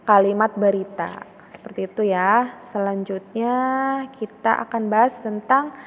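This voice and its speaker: A woman's voice: a little high, big-room sound. A woman teacher patiently explaining a lesson, often checking in with a short "ya" as she repeats her points. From Indonesia.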